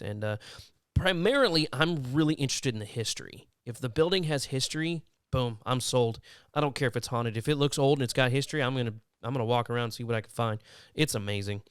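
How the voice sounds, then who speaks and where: A male podcast host chatting casually and telling stories with lively energy, jumping into a high voice for quotes. His voice is smooth and resonant at a middle pitch. The sound is close and dry. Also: no room sound. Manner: animated storyteller, acts out quotes in a high voice. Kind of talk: casual chat.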